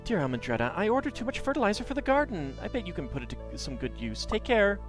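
A man's voice: high voice, very animated, fast talker, over music, voice pushed up. A man voicing friendly, helpful small-town villagers as he reads their letters in a video game. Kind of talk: reading game letters in light character voices.

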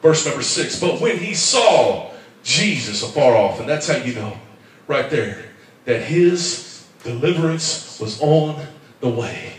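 A man preaching a fervent sermon in church, swinging from quiet asides up to shouted, rhythmic calls. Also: mid-range voice, big pitch swings, slow, recorded from a distance. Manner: fervent, rising to shouts, call-and-response. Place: church sanctuary. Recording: very echoey church hall from afar.

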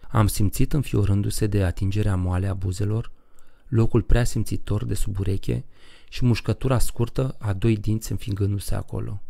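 A man narrating a horror audiobook in a slow, measured, dramatic reading. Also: lowish voice, gravelly, dark tone, dry recording.

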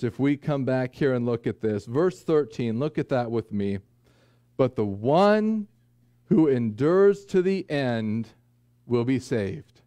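A man in his forties preaching a sermon from a small church pulpit, earnest with folksy asides and slow, deliberate emphasis. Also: mid-range voice, warm tone, dry recording. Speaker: pastor. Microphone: pulpit microphone, far camera.

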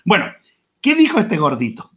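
A man giving an animated, playful online lecture to teachers over a video call from a lit room at home. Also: sits high, normal speed. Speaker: guest lecturer. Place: home room with green wall and lights.

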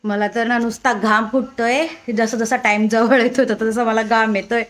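A young mother talks brightly to her viewers in a casual home vlog. Her voice sits high, chatty and doting. She coaxes her little boy along between remarks to the camera. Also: flat delivery, normal speed, slight background noise. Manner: chatty and doting, coaxing a small child. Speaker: family vlogger, mother. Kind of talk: casual family vlog narration.

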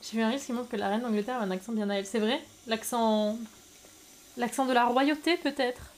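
A young French woman chatting casually with viewers on a live stream, lively and quick to laugh. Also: fairly high pitch. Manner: lively, giggly, reacts to chat.

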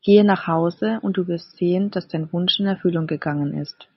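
A woman voicing a patient magic golden fish, the sea king's son, who speaks calmly and grants wishes in a storybook. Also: on the low side, normal speed, husky. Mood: gentle. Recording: slightly dull, dry recording.

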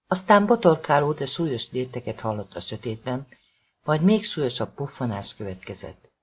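A man's voice: mid-range voice, husky, muffled recording. A man narrating a suspenseful novel in a dramatic audiobook reading.

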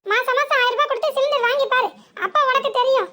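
A woman voicing a sharp-tongued young village wife in a comic cartoon, with a southern Tamil village accent and a scolding, sarcastic manner. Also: very high-pitched, quick pace, background noise. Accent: southern Tamil village dialect. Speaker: cartoon character.

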